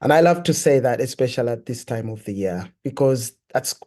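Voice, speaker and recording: Man from uganda, guest testimony, reflective, earnest, mellow dark tone. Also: mid-range voice, animated. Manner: reflective, earnest, measured storytelling. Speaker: guest sharing his life story. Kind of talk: personal testimony in an interview.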